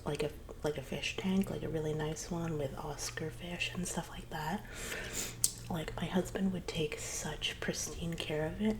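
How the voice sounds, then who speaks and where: A woman speaks softly her way through one side of a casual conversation in an ASMR role-play. Her voice is low and hushed, slipping between soft soft voice and murmur in a rambling, confiding way. Clear background noise sits behind her. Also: fairly even intonation, unhurried. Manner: soft-spoken with occasional low murmured words.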